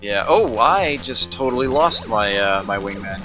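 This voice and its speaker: A man's voice: fairly low pitch, animated, moderate pace, bright, forceful tone, soft background music. A man streaming a retro arcade game, giving casual, rambling commentary with wry, self-deprecating asides. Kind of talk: casual live gameplay commentary.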